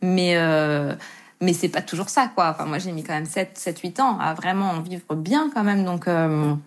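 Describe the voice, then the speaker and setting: A woman's voice: fairly low pitch, normal speed. A woman in her thirties, a tattoo artist chatting casually as a podcast guest, easygoing and hesitant and laughing often. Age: 30s. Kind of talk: casual interview chat.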